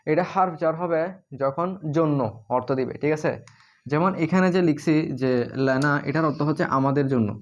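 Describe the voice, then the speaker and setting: A man with a fairly high voice teaches a casual lesson, working through points one at a time and often pausing on filler sounds. He keeps checking that the listener follows. The recording sounds dull and lo-fi. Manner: explains step by step, many "ah" fillers and checking questions. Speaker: Arabic teacher.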